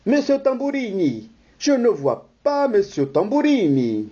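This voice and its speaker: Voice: medium pitch, very animated, unhurried, mellow, slightly rough, highs cut off. A reader voicing a stuffy, fussy husband in a rehearsal read-through of a play.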